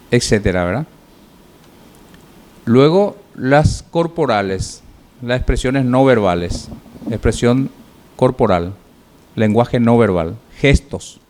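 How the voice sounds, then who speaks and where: A man teaching public speaking, giving feedback to his class in a measured way, listing points with pauses and rhetorical questions. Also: medium pitch, darkish tone.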